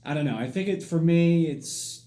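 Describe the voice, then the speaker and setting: A man's voice: fairly high pitch, moderate pace, warm tone. A man co-hosting a podcast, chatting casually about movies and agreeing a lot. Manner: easygoing, frequent "yeah, yeah" agreement. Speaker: podcast co-host.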